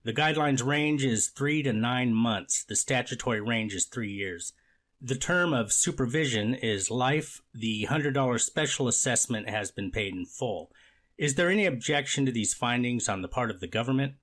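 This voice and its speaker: In a readers theater of a court transcript, a man with a mid-pitched voice and fairly bright tone plays a skeptical, deliberative judge presiding over a hearing. He sounds animated yet official, speaking formally and deliberately while hedging and correcting himself.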